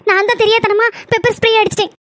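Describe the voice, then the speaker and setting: A feisty young cartoon woman, voiced by a woman with a very high, bright, squeaky voice. She rattles off sharp, defiant retorts at great speed in Kanyakumari Tamil. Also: steady tone, rapid-fire, no echo. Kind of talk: cartoon comedy voice acting.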